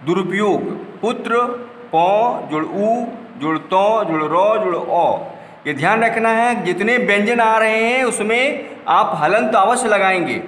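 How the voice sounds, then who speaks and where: A man teaching a school grammar lesson, spelling out letters slowly one by one and explaining with rhetorical questions. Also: high-pitched, a bit bright, echoey room, big-room sound, a little hiss or hum.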